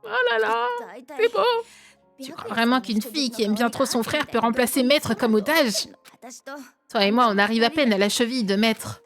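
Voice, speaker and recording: A woman with a French accent voicing a sharp-tongued, prickly young woman, reading game lines on stream. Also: fairly high pitch, animated, moderate pace, over music. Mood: indignant. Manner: snappish and scornful.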